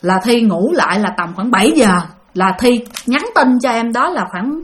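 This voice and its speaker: A woman tells a spooky personal story in a casual, chatty way. Her voice sits high and moves a great deal, and she speaks of herself by name while talking straight to her listeners. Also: normal speed. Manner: animated, talks about herself in the third person, addresses listeners directly.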